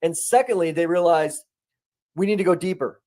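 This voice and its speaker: Animated man with a higher voice. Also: normal speed. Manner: animated, many restarts, rising emphasis. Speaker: guest commentator on prophecy. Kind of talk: conversational commentary.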